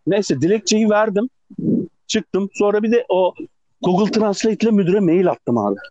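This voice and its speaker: A man's voice: sits high, moderate pace, no echo. A man with an Ankara accent telling stories in casual podcast chat, acting out the people he quotes. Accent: Turkish, Ankara. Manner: animated, acts out quoted people. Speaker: podcast co-host. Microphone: phone. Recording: dull lo-fi phone recording.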